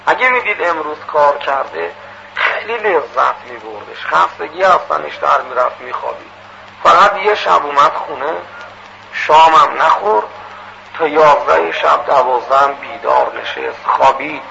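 A man preaching through a moral story, animated and acting out its dialogue, on a muffled recording with loud hiss. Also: on the high side, gravelly. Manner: animated, acts out dialogue, quick asides.

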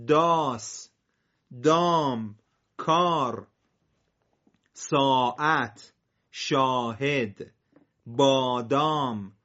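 A man's voice: on the high side, dull audio. A man teaching a Quran recitation class, drawing out vowels as he models words for his students. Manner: drawn-out, sung vowels when modeling words. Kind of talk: classroom lesson.

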